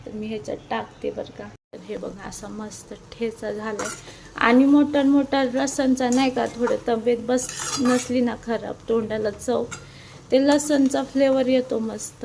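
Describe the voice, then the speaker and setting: A middle-aged woman chats informally for a home cooking vlog, hoarse from a sore throat, her voice giving out. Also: on the high side, background noise. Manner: chatty, repetitive, informal. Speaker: homemaker video blogger. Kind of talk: casual cooking vlog chat. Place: home kitchen.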